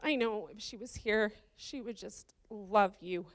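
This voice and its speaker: A woman's voice: medium pitch, no echo. A woman giving a heartfelt wedding toast welcoming her brother's bride into the family. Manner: heartfelt, slow and careful. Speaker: groom's sister giving a toast.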